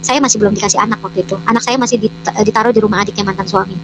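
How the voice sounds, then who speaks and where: A woman's voice: medium pitch, fairly even intonation, racing. A woman telling her personal testimony as an interview guest, hesitant with many fillers, acting out her own prayers. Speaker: guest giving a conversion testimony. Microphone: microphone she can move away from. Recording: noisy line with mains hum.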